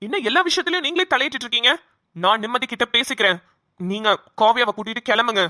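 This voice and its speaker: Woman doing a bossy young doctor guy in a cartoon, bright voice, dry close sound. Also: a little high, no room sound. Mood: demanding. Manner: pushy, demanding, rapid questioning. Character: young man, insistent doctor pressing for marriage. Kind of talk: cartoon voice acting.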